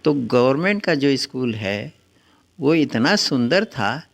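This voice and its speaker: An older man from the Varanasi region with a gravelly voice, telling his story in an unhurried way. He pauses often as he recalls the past, speaking as a guest house owner in an interview. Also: medium pitch, lively intonation. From Varanasi region, India. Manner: unhurried reminiscing with frequent pauses.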